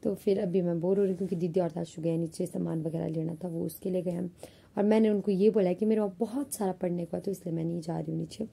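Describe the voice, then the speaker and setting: A young woman chatting casually to her vlog viewers, with a naturally husky, slightly rough voice. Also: on the low side, steady tone, quick pace, mellow. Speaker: vlogger.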